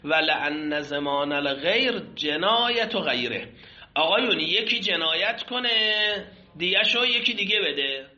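A man's voice: fairly high pitch, animated, bright, forceful tone. A man teaching a seminary class on Islamic law, explaining a classical text and putting questions to his students. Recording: echoey room, dull lo-fi sound.

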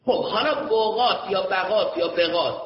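Guy teaching a class, high voice, reads arabic bits slow then explains, keeps asking if students follow, roomy echoey hall. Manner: checks understanding with frequent questions to students. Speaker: seminary teacher. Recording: echoey hall, dull lo-fi sound.

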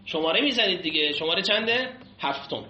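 A man's voice: high-pitched, lively intonation, sharp tone, a little hiss or hum. A man teaching a class, reading Arabic text aloud and explaining it in Persian, often asking his students questions. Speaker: seminary teacher. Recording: echoey room, muffled lo-fi sound.

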